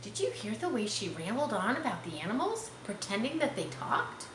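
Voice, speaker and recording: Woman reading a fretful proper farm mom from a storybook, polite, animated pitch, echoey room. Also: normal speed, a little hiss or hum. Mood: worried. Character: worried, proper farm mother.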